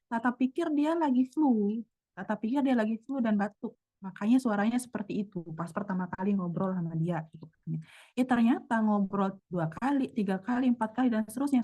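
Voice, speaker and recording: A woman's voice: on the high side, a little fast, mellow. A woman chatting casually in an online religious study group, telling a story with many fillers.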